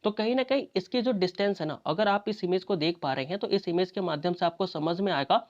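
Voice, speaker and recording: Female exam coach, low voice, chatty question-and-answer delivery, muffled lo-fi recording. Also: fast talker, darkish tone. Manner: conversational, repeats fillers, asks and answers own questions. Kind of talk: explanatory lecture. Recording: dull lo-fi audio.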